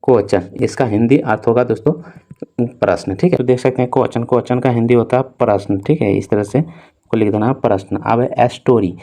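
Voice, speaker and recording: A young man whose voice sits in the mid range with a dark tone teaches English reading. He drags out each letter as he spells words, frequently repeating "theek hai" and "dosto."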